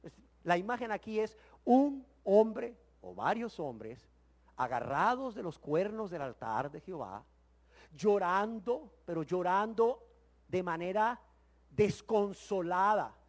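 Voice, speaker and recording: Preaching on the Bible at a slow pace, this man has a high-pitched, sing-song voice. His delivery is emphatic, packed with rhetorical questions, and moves from loud outbursts to near-whispers.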